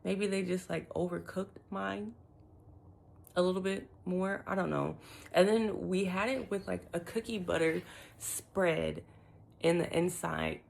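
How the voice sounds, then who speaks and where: A woman chatting casually to her vlog viewers in an informal, expressive way, her speech slightly lisped and muffled from wearing retainers. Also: fairly low pitch, creaky. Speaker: lifestyle vlogger.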